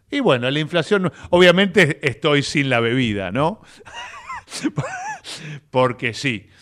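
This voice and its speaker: A man with a Rioplatense Spanish accent, hosting a radio show in chatty, animated talk full of filler tags. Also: a little high. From Argentina. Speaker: radio host. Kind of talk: casual radio chat. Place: radio studio.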